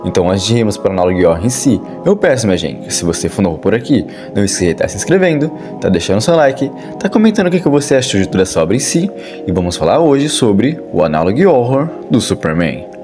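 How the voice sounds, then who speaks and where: A fairly low-pitched, very animated man talks at a quick clip, his Brazilian accent coloring the casual scripted commentary he delivers as a YouTube host and narrator. He tells the story informally and chattily, using colloquial turns, with music playing behind him.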